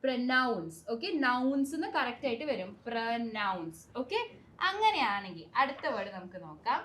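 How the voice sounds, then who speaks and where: Young kerala woman teaching english words, sing-song lively voice, a bit high, says each word slow n careful. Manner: repeats words slowly and carefully to model them. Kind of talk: bilingual language lesson.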